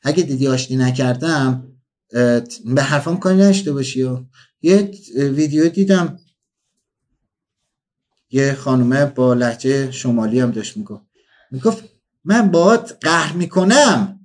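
A man's voice: mid-range voice, pauses often. A man delivering a comic storytelling monologue, acting out the people he quotes. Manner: animated, acts out quoted dialogue.

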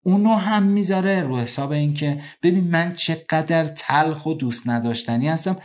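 A man giving an earnest self-help talk, slowing down to stress points and acting out everyday scenes in quick bursts. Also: on the high side. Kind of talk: motivational talk.

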